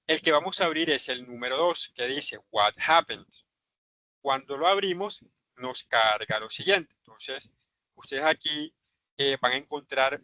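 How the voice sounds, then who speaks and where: Patient teacher, bright and dry. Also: male voice, medium pitch, no echo, low-quality recording. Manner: patient, repeats examples slowly. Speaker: English teacher. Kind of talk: online class explaining grammar.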